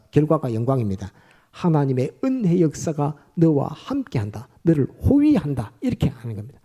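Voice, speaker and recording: A male pastor giving a Sunday morning sermon, halting with frequent "uh" fillers and having the congregation repeat phrases after him. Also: fairly high pitch, mellow.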